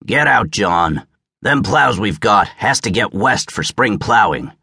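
A man voicing a big, stern canal-boat father who gives slow, heavy commands. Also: lowish voice, lively intonation, creaky, bright, forceful tone, breathy edge, no echo, clean studio sound, exaggerated voice. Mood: gruff.

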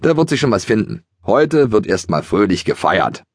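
A man's voice: on the low side, very animated, normal speed, no echo, clean studio sound. A man voicing a cheerful, easygoing farm man who talks in a breezy, carefree way.

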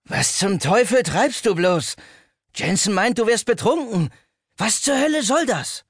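A man's voice: sits high, expressive, a little slow, a bit bright, slightly rough, no echo, clean studio sound, pitched above the performer's own voice, heavily acted. A man voicing a worried, stern young man who scolds his best friend in an urgent way. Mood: angry.

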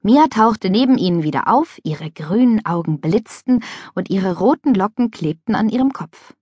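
A woman reading a children's audiobook with lively, expressive storytelling on a close studio mic. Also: medium pitch, moderate pace, slightly rough, dry recording. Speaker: audiobook narrator. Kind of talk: scripted children's audiobook narration.

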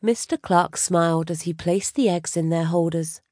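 A woman reads the story aloud in a measured, even way. Her voice sits low and close to the mic. The studio sound is dry, with no room echo. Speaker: audiobook narrator. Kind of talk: scripted narration.

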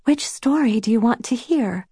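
A woman voicing a patient, gentle girl who murmurs softly, like a storyteller. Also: fairly high pitch, lively intonation, normal speed, breathy edge, dry recording, studio quality, voice pushed up.

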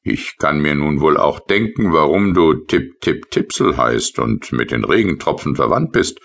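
Grumpy tired painter guy, sulky, husky gravelly voice, read by a deep-voiced man. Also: lively intonation, measured pace, a bit bright, heavily acted. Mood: grumbling. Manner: sulky and complaining. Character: grumpy, weary male painter. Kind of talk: children's audiobook reading.

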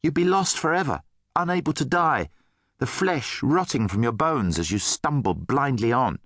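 A man's voice: medium pitch, animated, normal speed, a bit bright, no room sound, studio quality, pitched above the performer's own voice. A man voicing a timid young male lamplighter who speaks in a mild, earnest way.

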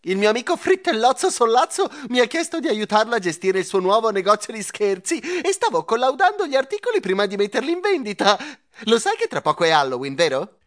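Scheming joker mouse for a kids' audiobook, lively pitch, hushed conspiratorial tone, played by a man. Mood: sly. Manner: conspiratorial, drawn-out. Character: prankster male mouse, sly and scheming. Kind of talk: audiobook character voice.

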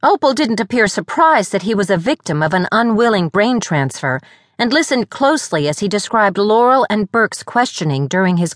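A woman narrating a fantasy romance audiobook in an even, clear storytelling voice. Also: mid-range voice, no room sound, studio quality. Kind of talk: scripted narration.

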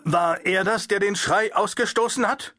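Ein Mann spricht einen herrischen preußischen Wachposten. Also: male voice, sits high, normal speed, sharp tone, no echo, studio quality, pitched above the performer's own voice. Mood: suspicious. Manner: domineering, condescending, barking orders. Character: overbearing male Prussian sentry, adult, suspicious.

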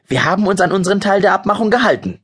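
Man doing an excitable young boy. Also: very fast, slightly rough, heavily acted. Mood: pleading. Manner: breathless, high-pitched outbursts.

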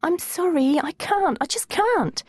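A woman's voice: mid-range voice, big pitch swings, fairly quick, darkish tone, slightly rough, no echo. A woman narrator voicing a squeamish, dramatic teenage girl who protests and pleads in a whiny manner. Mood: pleading.

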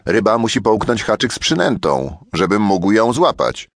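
A man's voice: lowish voice, big pitch swings, normal speed, no room sound, clean studio sound. A man voicing a bossy, impatient young boy in a children's audiobook. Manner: impatient, scolding.

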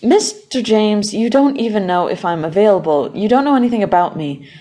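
Guarded young office worker, read by a woman, low warm tone, polite but defensive. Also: expressive, moderate pace, lightly acted. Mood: irritated.

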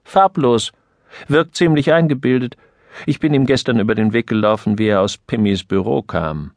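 A man's voice: mid-range voice, no echo, clean studio sound, lightly acted. A man voicing a blunt, irreverent young woman from an office in an audiobook. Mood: cheeky. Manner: quick, cheeky, blunt.

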